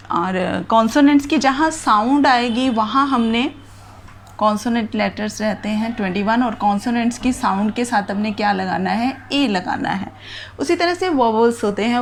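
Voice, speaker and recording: A woman's voice: fairly high pitch, slight background noise. A woman teacher giving a grammar lesson, spelling out letters and examples one at a time.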